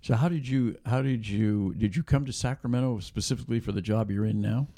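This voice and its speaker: Male interview host: low, gravelly, mellow voice; friendly and chatty. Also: brisk. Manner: friendly, chatty, many short backchannels. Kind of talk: conversational interview.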